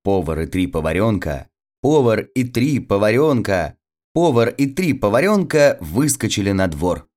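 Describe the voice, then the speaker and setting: A man reading children's poems aloud in a playful, rhythmic way, raising his voice for the children's shouts. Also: on the low side, big pitch swings, a little slow. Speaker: audiobook narrator.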